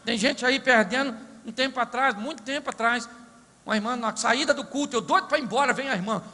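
A man preaching a sermon as pastor, comic and animated, asking the crowd rhetorical questions. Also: very high-pitched, brisk, long reverb tail. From Brazil.

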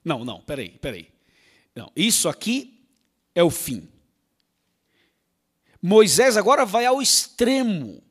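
Pastor, high voice, lively and theatrical sermon delivery. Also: male voice, unhurried, long pauses, husky. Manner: lively, theatrical storyteller, acts out quotes.

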